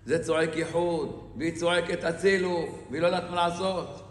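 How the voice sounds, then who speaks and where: A male preacher telling a story in a sermon, animated, with emphatic rising outbursts. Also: on the high side. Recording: echoey hall reverb.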